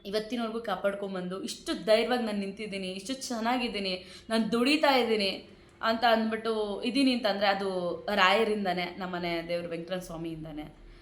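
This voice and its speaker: A woman's voice: medium pitch, steady tone, brisk. A woman in her thirties with a Kannada accent, talking to camera and indignantly answering her critics with repeated rhetorical questions. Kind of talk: emotional direct-to-camera talk. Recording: echoey room.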